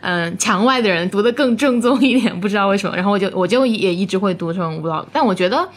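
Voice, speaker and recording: A woman's voice: mid-range voice, quick pace. A woman hosting a casual podcast, agreeing often and chatting about her own habits. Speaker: podcast host.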